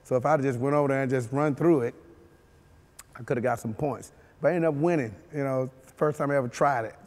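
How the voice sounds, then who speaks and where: Talking quickly in a mid-range voice with a long reverb tail, a man from Mississippi, a former football player, shares his life story. The sit-down interview takes place in a studio with a dark backdrop, and he's easygoing, chuckling, and leans on "you know" constantly.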